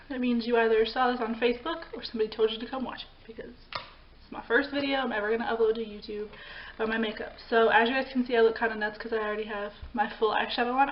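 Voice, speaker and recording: Young woman beauty vlogger, raised pitch, chatty and meandering, slightly muffled home recording with light hiss. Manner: chatty, rambling, frequent ums and self-corrections. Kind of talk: casual makeup tutorial chat.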